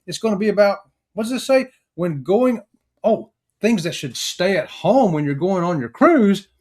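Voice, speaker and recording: A man's voice: high-pitched, animated, normal speed, a little mellow. A man co-hosting a podcast, chatting casually in a playful, jokey way and acting out silly exchanges. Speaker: podcast co-host.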